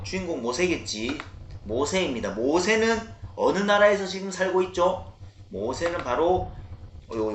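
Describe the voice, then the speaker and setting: A man leads a children's sermon in an echoing church room. His speech is lively and coaxing, and he often pauses to quiz the kids. A faint hiss sits under the recording. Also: mid-range voice. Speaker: children's pastor. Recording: roomy church echo, faint noise.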